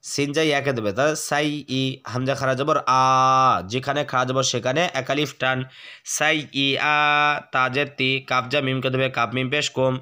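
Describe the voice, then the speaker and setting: Smooth-voiced man teaching Quran recitation. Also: mid-range voice, flat delivery, moderate pace, sharp tone. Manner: breaks words into letter-by-letter drills, then recites them drawn out. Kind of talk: spelling out and chanting Quranic words slowly.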